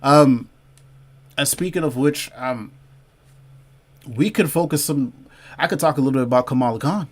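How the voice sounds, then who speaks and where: Speaking at normal speed with long pauses, a man with a mid-range voice hosts a laid-back comics livestream. He reads comments from chat, repeats phrases for emphasis, says "y'all" and "man," and tells viewers to comment below.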